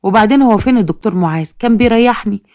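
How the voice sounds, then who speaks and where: A woman's voice: fairly high pitch, very fast, darkish tone, no room sound, studio quality, close to an everyday voice. A woman voicing a stubborn, muddled Egyptian man who mangles medicine names. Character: simple male customer, stubborn and muddled.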